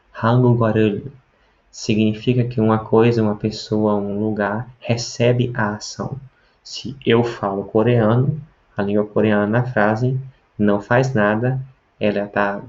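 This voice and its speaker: A man's voice: on the low side, darkish tone, dull audio. A man teaching a video lesson, explaining step by step and often checking in with tag questions. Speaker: language teacher.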